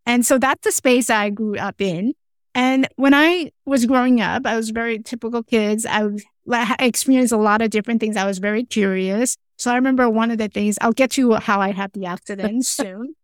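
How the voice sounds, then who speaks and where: A Taiwanese woman appears as a podcast guest, earnestly recounting her life story in conversation with a slightly high voice. She speaks haltingly, restarting phrases often and making small grammar slips. The recording is dry and studio-clean.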